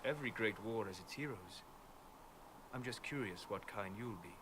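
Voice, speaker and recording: An actor playing a calm, scholarly mage in a video game, speaking in a measured, wistful, formal way like a guide to dreams. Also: male voice, fairly low pitch, background noise, close to an everyday voice. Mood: wry, reflective. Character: calm, scholarly apostate mage, a male dreamer of ancient memories.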